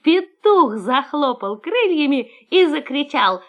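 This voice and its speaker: A woman narrating a children's story slowly and expressively. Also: high-pitched, sing-song, fairly bright tone, highs cut off.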